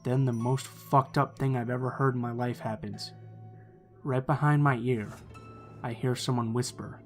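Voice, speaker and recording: As the channel's narrator, a man reads a true horror story aloud in a calm, measured way, his voice mid-range, with soft music playing in the background.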